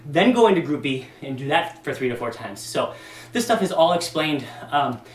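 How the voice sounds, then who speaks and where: A man's voice: a little high, sing-song, moderate pace. Slightly breathless male fitness instructor. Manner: casual, demonstrating moves with many ums. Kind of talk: workout demonstration. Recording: echoey room, distant mic.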